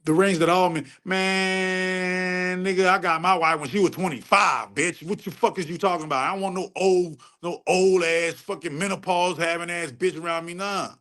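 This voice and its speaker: A middle-aged man hosting a livestream rants casually while answering chat, preachy and profane, repeating phrases for emphasis, his pitch climbing sharply when he gets heated. He speaks at a moderate pace with a slightly bright voice.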